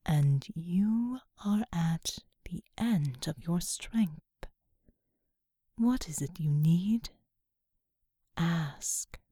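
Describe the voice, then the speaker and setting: A woman's voice: lively intonation, mellow, breathy edge, dry recording, studio quality, exaggerated voice. A woman whispering as an ancient fiery angel, in whispered role-play. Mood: solemn. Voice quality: low unvoiced whisper. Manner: slow, solemn and measured. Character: ancient fiery female angel, calm and compassionate.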